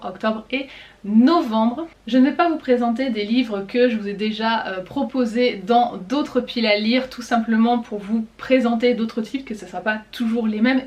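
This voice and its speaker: A young woman presenting her seasonal reading list in a casual vlog, chatting with frequent pauses while she checks her notes. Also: a little high, a little mellow. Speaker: book vlogger.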